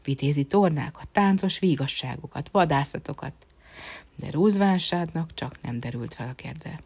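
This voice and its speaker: Storyteller with hushed, whispery phrase endings. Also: mid-range voice, slightly rough. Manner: phrase ends drop to a hushed near-whisper. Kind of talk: fairy-tale narration.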